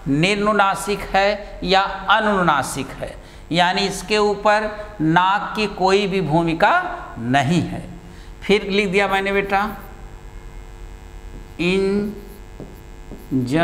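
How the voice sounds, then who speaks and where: A man's voice: sits high, a bit bright. A man teaching a Hindi grammar lesson, patiently repeating key words and calling his students beta and babu. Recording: hum and long room reverb. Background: mains hum.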